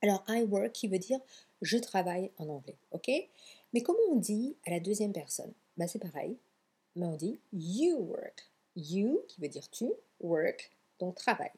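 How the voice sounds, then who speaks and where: Mellow, husky teacher woman. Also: mid-range voice, animated, normal speed. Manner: chatty, encouraging, mixes English phrases into French. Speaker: English pronunciation teacher. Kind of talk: online language lesson.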